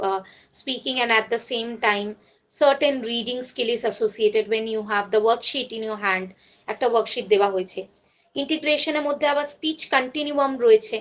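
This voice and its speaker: A woman college lecturer with a Bengali accent, teaching a class in a mix of Bengali and English, with many fillers and self-corrections. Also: sits high.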